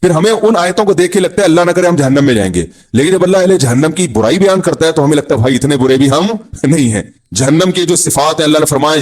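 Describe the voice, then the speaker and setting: A middle-aged man preaching a sermon with a Pakistani Urdu accent. His voice sits a little high for a man, and he mixes teaching with joking asides. He often drops into mock voices to act out the people he describes. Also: a little mellow. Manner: humorous, mimics people in low voices. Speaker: Islamic preacher.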